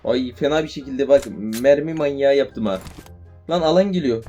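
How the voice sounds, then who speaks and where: A young man commentating his own mobile shooter game, shouting and swearing in fights, then calming himself down. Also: medium pitch, moderate pace, dull audio. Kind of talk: live gameplay commentary. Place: indoors at home playing on a tablet. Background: game gunfire and music.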